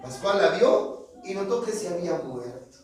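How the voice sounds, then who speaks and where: A man's voice: high voice, animated, moderate pace. A man retelling a novel as a casual lesson, dramatic and dropping joking asides. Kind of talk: casual storytelling summary with jokes. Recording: echoey room, far from mic.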